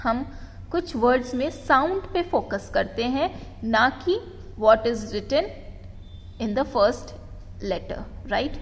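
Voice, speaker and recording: High-voiced woman teaching grammar in Hindi and English. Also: lively intonation, very slow, pauses often. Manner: patient, mixes Hindi and English, calls the children "beta". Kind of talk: classroom grammar lesson. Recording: hall-like reverb.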